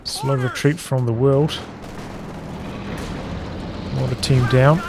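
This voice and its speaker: A man's voice: mid-range voice, fairly even intonation, takes it slowly, vocal fry, background noise. A man giving live play-by-play commentary on a strategy game in clipped, fragmentary running remarks. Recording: loud game gunfire and explosions behind. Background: video game artillery, gunfire and vehicle sounds.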